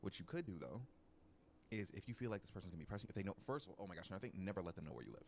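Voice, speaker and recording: Fast-talking man with a very deep voice. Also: big pitch swings, creaky, darkish tone, a little hiss or hum. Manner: mock-advice delivery with dramatic asides. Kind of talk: joking casual chat.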